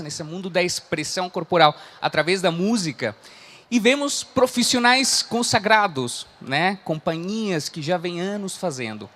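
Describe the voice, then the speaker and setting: A Chilean man in his thirties, working as a coach, gives an earnest motivational talk in Portuguese to a live audience, speaking with a Chilean Spanish accent and frequently adding "né?" tags. His voice is high and a bit bright.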